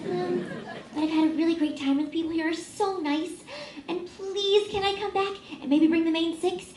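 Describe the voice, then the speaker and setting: A woman voicing an eager young female pony who rushes and gasps with excitement, performed live on a convention panel. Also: very high-pitched, pitched above the performer's own voice. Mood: excited. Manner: breathless, rushing, gasping with excitement. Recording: echoey hall, loud crowd and noise.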